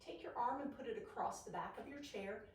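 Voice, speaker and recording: A woman's voice: a little high, lively intonation, brisk, a little hiss or hum. A woman working as an aerobics instructor, leading a follow-along workout by cueing and counting out moves in an encouraging way. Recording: echoey room, distant mic.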